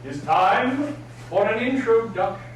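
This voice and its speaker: Prim, high-voiced man in an echoey room. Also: animated, unhurried. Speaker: etiquette class instructor. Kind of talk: live class demonstration with formal, old-fashioned Victorian wording. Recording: very echoey room, distant mic, faint noise.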